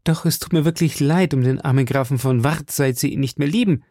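A man voicing an eager, infatuated young swordsman who speaks in a flattering, fervent way. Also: medium pitch, a little fast, dry recording, clean studio sound, lightly acted.

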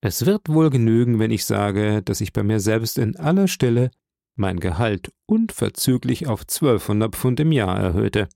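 A man narrating a first-person literary story in a measured, expressive way. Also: lowish voice, vocal fry, no room sound, studio quality. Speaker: audiobook narrator.

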